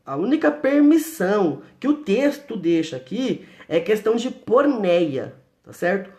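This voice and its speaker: Lively high-voiced man teaching the Bible. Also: unhurried. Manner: explanatory, checks in with listeners often; reads from the Bible and answers viewer comments.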